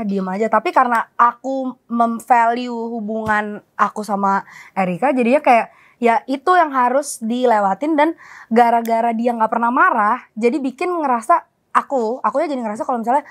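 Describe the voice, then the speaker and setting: A young woman, her voice sitting a little high. She chats casually, telling stories and acting out what people said. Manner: animated storyteller, acts out quotes. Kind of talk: casual chat.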